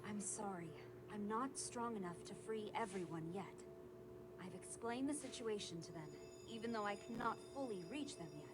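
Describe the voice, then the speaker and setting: A woman playing a gentle, earnest dream guardian in a video game, speaking in a measured, formal way. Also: medium pitch, heavy background noise, natural voice. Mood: earnest, apologetic. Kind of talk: scripted video game voice acting. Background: game music.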